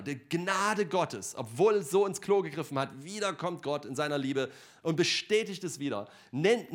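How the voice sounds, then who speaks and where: A man preaching a sermon to a congregation in a conversational, joking way, often laughing and dropping into quiet asides before loud exclamations. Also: a little high. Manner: conversational, jokey, laughs often, many fillers like ne and äh.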